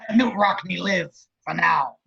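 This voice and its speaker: A man playing a crude, theatrical, vengeful villain with a raspy, gravelly voice and sneering, drawn-out taunts in an amateur script reading. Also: high voice, bright, forceful tone, highs cut off, heavily acted. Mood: irritated. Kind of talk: amateur table read of a film script.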